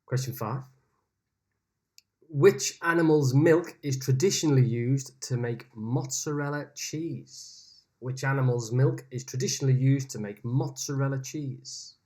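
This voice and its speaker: A man's voice: mid-range voice, measured pace, a little mellow. A man hosting an online pub quiz over a video call, reading each question twice with chatty asides. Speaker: quiz host.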